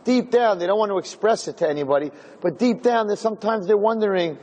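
Animated rabbi, fairly high male voice. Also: fast, low-quality recording. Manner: emphatic, asks the audience many rhetorical questions. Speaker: rabbi giving a class. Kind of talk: informal Torah lecture. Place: lecture room with an audience.

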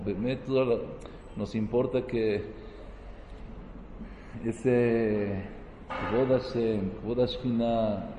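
A man's voice: mid-range voice, mellow, roomy sound, long reverb tail, a little hiss or hum, poor audio. A man giving a sermon as a rabbi, mixing Hebrew terms into his talk and building to emphatic, rising peaks.

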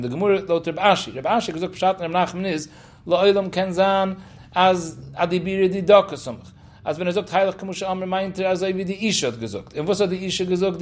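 A man with a fairly high voice leads a Talmud study lesson. He reasons his way through the passage, asking himself questions and answering them as he goes. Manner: reasons aloud with rhetorical questions. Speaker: Talmud teacher.

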